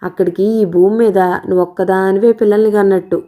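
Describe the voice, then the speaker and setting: A woman voicing a loud, teasing middle-aged village woman who scolds and grumbles, in a storybook reading. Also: medium pitch, fairly even intonation, fairly quick, lightly acted. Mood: scolding, teasing. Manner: scolding and grumbling, shouts often.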